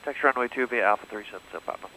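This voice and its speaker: A man's voice: medium pitch, very fast, bright, forceful tone, no room sound. A man piloting a plane who calls ground control over his cockpit headset radio in clipped, standard aviation phrasing. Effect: pilot's cockpit headset radio transmission. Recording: noisy aircraft radio transmission.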